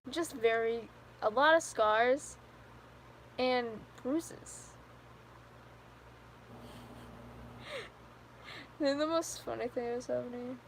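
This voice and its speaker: A woman's voice: on the high side, very slow, pauses often, a little hiss or hum. A fifteen-year-old girl chatting on a live stream, telling rambling stories with lots of giggles and fillers. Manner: giggly, rambling storyteller with many "like"s. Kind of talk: casual live stream chat with viewers.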